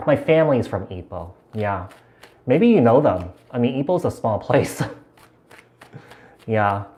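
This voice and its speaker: A man's voice: mid-range voice, very animated, unhurried, darkish tone. A man from the United States giving a live tarot reading, talking in a chatty, meandering way with lots of fillers and repeated words. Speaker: tarot reader.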